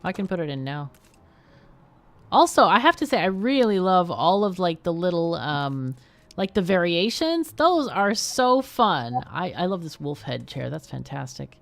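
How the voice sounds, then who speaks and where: Playing games on a casual livestream, this host comments and chats, exclaiming and muttering to herself. Her voice is on the low side and a little slow, with vocal fry, in a dry recording.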